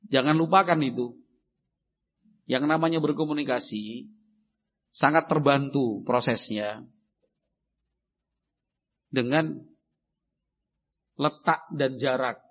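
Husky, gravelly-voiced preacher. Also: male voice, medium pitch, slow pace, long pauses. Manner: animated, acts out shouted parent and child exchanges. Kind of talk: Islamic parenting sermon. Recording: dull lo-fi recording.

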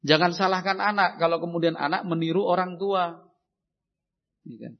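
A man preaching a sermon on parenting, acting out shouted exchanges between parent and child in an animated way. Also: high-pitched, moderate pace. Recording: dull lo-fi recording.

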